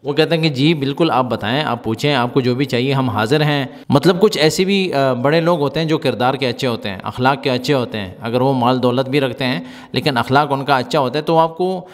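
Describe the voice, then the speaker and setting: A man teaching Gulf Arabic vocabulary in Urdu, repeating each word slowly for practice. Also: medium pitch, in a large hall. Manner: repeats words slowly for drill.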